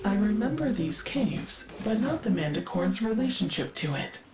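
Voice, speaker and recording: An actress voices a female ship AI in scripted video game dialogue, curious, analytical, cultured and wistful, with measured, precise, formal diction. Her natural, mid-range voice is sing-song and sounds intrigued. It echoes, with game music behind.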